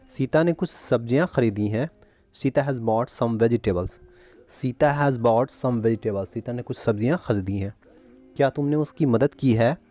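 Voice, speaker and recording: Slow, deliberate male English tutor. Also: mid-range voice, darkish tone, dry recording. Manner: repeats each sentence, saying the English very slowly. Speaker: English teacher. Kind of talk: spoken English lesson.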